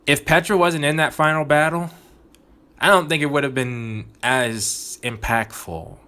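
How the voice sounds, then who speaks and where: A man with a somewhat high, sharp-toned voice talks a little slowly and with fairly even intonation. Hosting a gaming channel, he offers casual commentary on his playthrough, earnest and reflective, as if thinking out loud.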